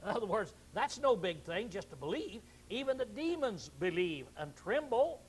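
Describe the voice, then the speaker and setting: A male preacher teaching a sermon in a conversational way, often clearing his throat and restarting phrases. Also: high voice, big pitch swings, moderate pace, slight background noise, rough recording.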